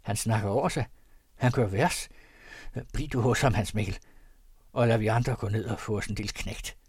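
A man voicing a brisk, dismissive older clergyman in a storybook reading. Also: lowish voice, breathy edge, dry recording, studio quality.

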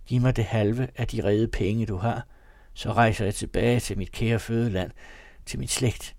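A man's voice: mid-range voice, gravelly, darkish tone, no room sound. Tearful young wife pleading with her husband, voiced by a male reader, slightly raised, dry close read.

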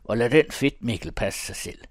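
A man reading a story, voicing a brash, scornful young farmhand who shouts taunts to pick a fight. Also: mid-range voice, lively intonation, no room sound, studio quality, pitched above the performer's own voice, close to an everyday voice. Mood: taunting.

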